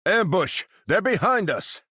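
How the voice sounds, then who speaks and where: Stalwart, commanding American super-soldier hero, animated. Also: male voice, sits high, a little slow, husky, dry recording, studio quality, full character voice. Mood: rallying, urgent. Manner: earnest, commanding, military phrasing. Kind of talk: video game character voice lines.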